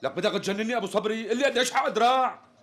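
An impatient Syrian customer. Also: male voice, high voice, very fast, a bit bright. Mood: exasperated. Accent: Syrian Arabic. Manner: exasperated, repeatedly pressing. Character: impatient male customer demanding the price.

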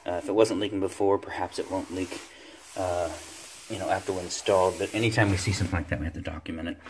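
A man's voice: sits low, steady tone, fast talker, slight background noise. A middle-aged man working as a plumber, casually explaining a job step by step with plenty of fillers, recorded on a handheld phone in a bathroom. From California. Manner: practical, explanatory, many fillers. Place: indoor bathroom.

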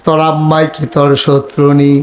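A male preacher, telling a humorous village sermon with acted dialogue and sudden high shouts. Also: monotone, a little fast.

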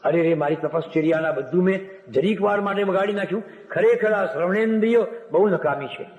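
Speaking fairly quickly in a high voice, a Gujarati man from India tells old myths as a devotional sermon, acting out characters and bursting into sung verses. The recording, made in an echoey hall, has its highs cut off.

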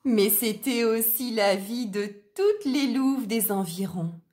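A woman reading a children's story aloud in a gentle, deliberate way. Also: fairly high pitch, animated.

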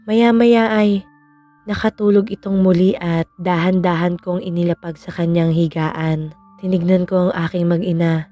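A woman reading a scripted horror story in a calm, measured first-person telling. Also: lowish voice, highs cut off. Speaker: story narrator.

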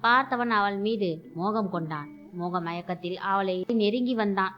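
A woman's voice: mid-range voice, normal speed, dull audio, soft background music. Woman reading a folk tale aloud. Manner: acts out character lines in a raised voice. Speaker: storyteller host.

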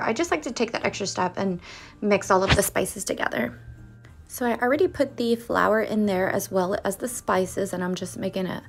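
A woman's voice: medium pitch, vocal fry. A woman hosting a baking vlog at home, chatting through each step in a casual voice-over. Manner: chatty, walks through steps one by one. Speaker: baking channel host. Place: home kitchen.

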